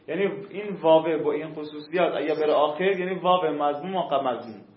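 A man teaching a class, stretching out key terms and checking that his students follow. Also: a little high. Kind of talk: classroom lesson on Arabic grammar rules. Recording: echoey, slightly dull room recording.

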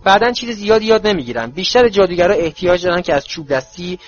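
A man's voice: high voice, lively intonation, lo-fi sound, voice pushed up. A man voicing a cheerful, clumsy young witch who is bubbly and boastful. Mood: chatty.

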